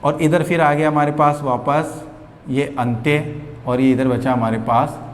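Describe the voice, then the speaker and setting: A man's voice: a little high, fairly even intonation, a little hiss or hum. A young man teaching a grammar lesson for exam preparation, patient and repetitive, asking questions and answering them himself. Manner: patient, repeats each rule slowly, asks questions and answers them himself. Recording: echoey room with long reverb.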